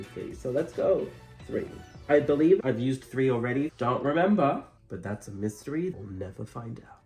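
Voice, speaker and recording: Campy drag queen, music behind. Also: medium pitch. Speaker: drag queen makeup reviewer. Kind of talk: casual makeup tutorial chat.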